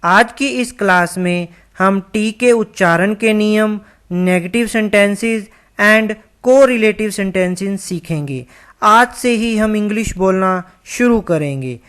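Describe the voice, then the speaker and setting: A woman teaches an online English lesson at a very slow, deliberate pace. Her voice sits at an ordinary middle pitch. She explains patiently and spells words out letter by letter.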